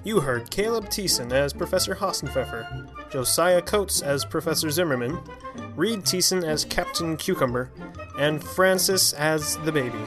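A man's voice: a little high, lively intonation, normal speed, music in the background. A man reading the closing credits of an amateur audio drama in a mock-formal, tongue-in-cheek way.

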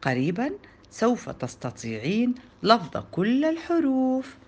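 A woman voicing a patient female kindergarten teacher in a gentle, reassuring tone. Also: fairly high pitch, huge pitch swings, measured pace, highs cut off, exaggerated voice.

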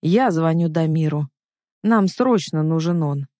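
Woman reading as a blunt protective older brother, firm, hot-tempered, low voice, dry sound. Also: measured pace, warm tone, no echo.

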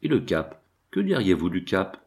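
A man's voice: deep voice, big pitch swings, normal speed, a little mellow. Man reading a fussy runaway thief. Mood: dismissive. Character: male thief on the run, pleasure-seeking, fussy. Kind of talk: audiobook character reading.

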